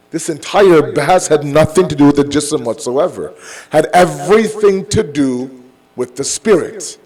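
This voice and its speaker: High-pitched man preaching in a conversational way. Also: a little mellow, rough recording. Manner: conversational, emphatic, rhetorical questions; mixes English with Urdu and Arabic phrases. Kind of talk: sermon with everyday examples and acted-out dialogue.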